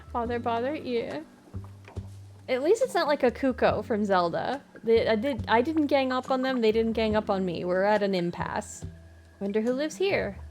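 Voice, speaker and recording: A woman's voice: on the high side, darkish tone. A woman streaming a game live, chatting in a giggly, apologetic way.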